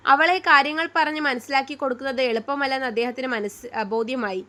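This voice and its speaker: A woman reads a story aloud in a calm, steady voice. Her pitch sits high, and she keeps an even storytelling pace. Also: fast. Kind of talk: scripted story narration.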